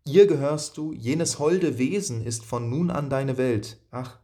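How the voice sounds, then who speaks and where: A man reading the lines of a grave, resolute male friend who is saying farewell, in a solemn, measured way. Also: mid-range voice, dark tone, close to an everyday voice. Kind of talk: audiobook reading of quoted speech.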